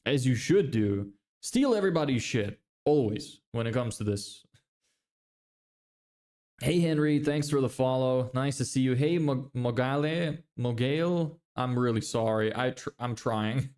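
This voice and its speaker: An unhurried, mid-range male voice with a darkish tone comes from a young Lithuanian livestreamer building a business. He sounds American in English and chats loosely, reading comments from viewers, joking about himself, swearing casually and laughing often.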